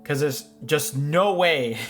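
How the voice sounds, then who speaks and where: A man's voice: on the high side, slow, faint music behind. A man in his thirties hosting a reaction show, giving loose, rambling commentary with frequent restarts. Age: 30s. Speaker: host reacting to finance videos. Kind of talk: casual commentary.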